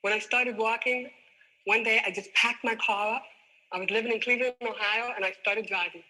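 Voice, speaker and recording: A woman in her forties tells her life story in a motivational talk, emphatic and dramatic, acting out her own past dialogue. Her slightly high voice is steady, a little fast, bright, and forceful, on a low-quality recording.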